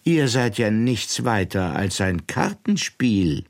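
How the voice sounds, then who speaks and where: Man reading a defiant little girl, near his own voice, slow and blunt, storybook reading. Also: on the low side, sing-song, vocal fry, exaggerated voice. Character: young girl, bold and fed up.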